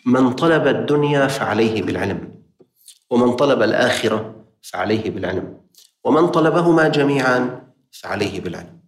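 A man's voice: mid-range voice, animated, brisk, roomy sound. A man with a Levantine Arabic accent preaching a sermon, appealing directly and passionately to his listeners.

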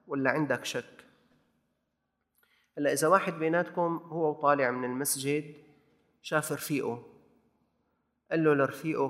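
A man's voice: medium pitch, fairly bright tone, big-room sound. A man with a Levantine Arabic accent preaching a sermon in a mosque, exhorting and repeating phrases for emphasis.

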